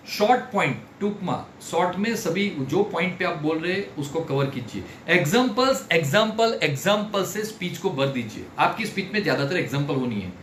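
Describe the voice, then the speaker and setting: Trainer guy teaching public speaking, kinda high voice, roomy sound w faint hiss. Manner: animated, theatrical, mixes Hindi and English. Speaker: personality development trainer. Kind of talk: online workshop lecture. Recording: roomy with faint background noise.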